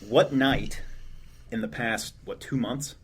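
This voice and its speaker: A man's voice: mid-range voice, fairly even intonation, takes it slowly, slight background noise. A man, a pro wrestler guest, making cocky, boastful declarations in a promo.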